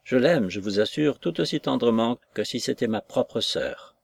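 A man's voice: mid-range voice, animated, normal speed, gravelly, slightly rough, no echo. A man reading aloud and voicing a chattering, indignant lady's maid in a raised, prattling voice. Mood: indignant gossip.

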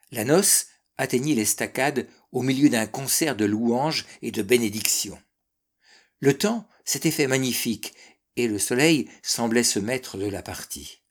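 A man narrating a classic seafaring novel as an audiobook, measured and expressive. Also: mid-range voice. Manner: measured, expressive reading that darkens and softens in sad passages.

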